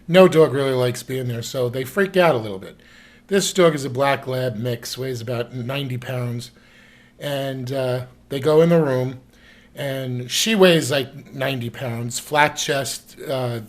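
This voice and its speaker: A man recounts stories from an animal hospital in a loose, chatty way, with frequent fillers and restarts. His voice sits at an ordinary pitch, and he mixes in mild crude remarks as he talks. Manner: rambling, chatty, a little crude. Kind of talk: casual storytelling to camera.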